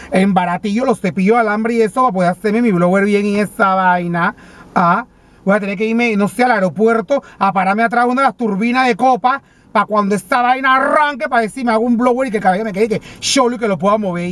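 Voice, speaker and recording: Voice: medium pitch, a bit bright, close to an everyday voice. A comic performer with a Panamanian accent playing a vain, dramatic female TV personality who complains flamboyantly and stammers, speaking from inside a parked car. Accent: Panamanian Spanish. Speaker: comedy character vlogger. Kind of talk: comedic character monologue.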